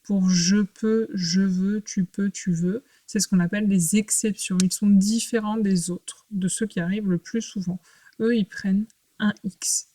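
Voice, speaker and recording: A woman teacher records a lesson for young children at home. She explains things patiently in short, clear phrases and leaves pauses between them. Her voice sits at a middling pitch. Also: fairly even intonation, warm tone. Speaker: primary school teacher.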